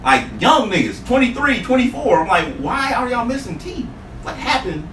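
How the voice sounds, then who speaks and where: A man's voice: very high-pitched, very animated, moderate pace, fairly bright tone. A man in his late thirties, a podcast co-host joking and teasing in casual, profane chat. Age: 30s. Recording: echoey room from a distant mic, noisy.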